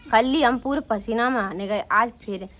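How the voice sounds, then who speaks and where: A young woman vlogs casually from her village home, moving between the rooftop and the fields outdoors and chatting with viewers as if they were friends. Her voice sits a little high, with a fairly bright tone and a moderate pace.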